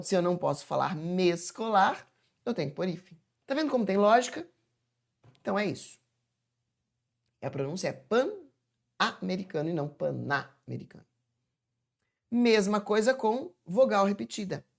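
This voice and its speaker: A woman with a Brazilian Portuguese accent teaching a grammar lesson. She asks herself questions and then answers them with emphasis. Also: mid-range voice.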